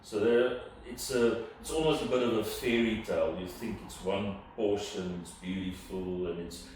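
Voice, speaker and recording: A deep-voiced entrepreneur, native in Afrikaans, offers reflective answers in an interview, pausing thoughtfully with fillers and restarts. His intonation is fairly even and his tone darkish, recorded on a distant mic in an echoey room with room noise.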